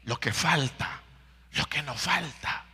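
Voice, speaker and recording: A man preaching a sermon as pastor, with a Salvadoran accent, swinging between hushed whispers and loud, impassioned calls. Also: on the high side, slow pace, breathy edge. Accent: Salvadoran Spanish. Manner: impassioned preaching, drops to whispers and rises to shouts. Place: church. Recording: echoey church hall reverb.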